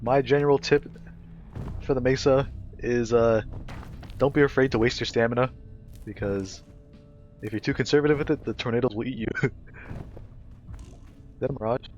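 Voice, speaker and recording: A man's voice: medium pitch, moderate pace, pauses often, lo-fi sound, faint music behind. A man casually commentating a video game live as a streamer, chatty and playful with his chat.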